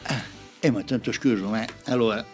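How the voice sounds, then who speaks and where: A man's voice: lowish voice, fairly even intonation, moderate pace, faint music behind. A man co-hosting a radio show, teasing and cracking jokes, sometimes stumbling over his words. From Lombardy, Italy. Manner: teasing, wisecracking, stammering sidekick. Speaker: radio co-host. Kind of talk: joking studio banter.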